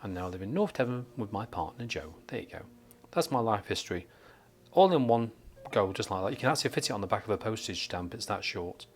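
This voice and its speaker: A man's voice: on the low side, expressive, fast talker. A man from northern England giving a live watercolour tutorial, chatting and joking as he thinks aloud while painting at a desk under studio lights.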